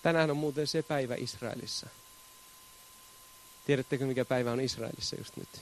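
A man preaching a charismatic sermon, fervent, often shouting hallelujah and laughing between points. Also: mid-range voice, slight background noise.

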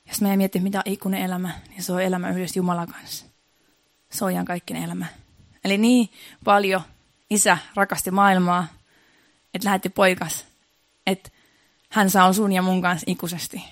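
A woman's voice: on the low side, flat delivery, dry recording, clean studio sound. A woman preaching a sermon in an earnest, repetitive way, building emphasis as she goes.

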